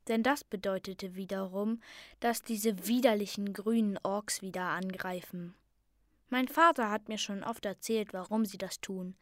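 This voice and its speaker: A woman reading a fantasy story aloud in a calm, soft voice that sometimes drops to a near whisper. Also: medium pitch, no echo, studio quality.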